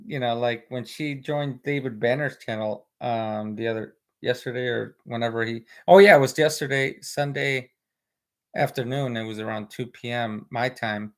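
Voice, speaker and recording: This mid-range male voice has vocal fry and an American accent, though Spanish is his first language. He's from the United States and chats casually on a live stream, rambling with lots of fillers while reading viewer comments.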